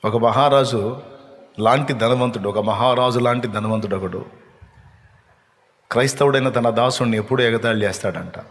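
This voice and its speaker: A man preaching a sermon, impassioned, climbing to emotional peaks and then dropping to a soft voice. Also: mid-range voice, normal speed, pauses often. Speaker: pastor. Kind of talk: Telugu sermon with told stories. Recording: long hall reverb.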